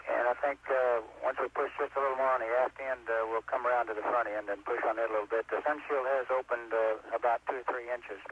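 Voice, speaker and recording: A dull, muffled radio transmission with light noise carries a man's voice. He is an astronaut reporting technical progress from a shuttle. His delivery is halting and matter-of-fact, at a middling pitch. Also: little pitch movement. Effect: spacecraft radio transmission. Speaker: astronaut aboard a space shuttle. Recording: muffled band-limited radio link, faint noise.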